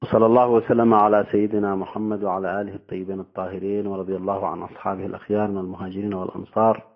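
A man giving a formal religious lecture to an audience, speaking in measured phrases with pauses. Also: low voice, level tone. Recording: tinny phone-like audio.

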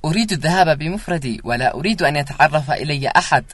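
A man's voice: on the high side, lively intonation, rapid-fire, fairly bright tone, breathy edge, no echo. A man acting a just, caring young king in a formal radio drama, dignified and declamatory. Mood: resolute.

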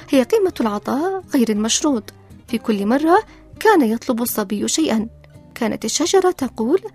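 Woman narrator, storytelling, husky, lively rising and falling pitch, reflective, soft background music. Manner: expressive, reflective teaching tone. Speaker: storyteller and presenter. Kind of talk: scripted narration.

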